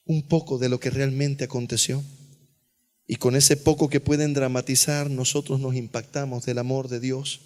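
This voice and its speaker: A male pastor preaching an earnest sermon, dropping to a hush on key phrases. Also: mid-range voice. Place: church sanctuary. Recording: long church reverb.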